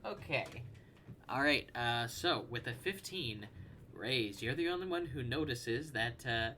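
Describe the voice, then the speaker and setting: A man narrating as game master for a tabletop role-playing game, relaxed and hesitant, often restarting his sentences. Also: mid-range voice, measured pace, slight background noise.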